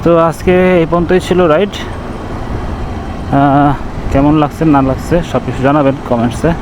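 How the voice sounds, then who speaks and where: A ride-share vlogger with a Bangladeshi accent chats casually to viewers at a moderate pace in a slightly high voice, speaking from inside his helmet while riding a motorbike through city streets. The helmet-mounted camera clearly picks up traffic and vehicle noise.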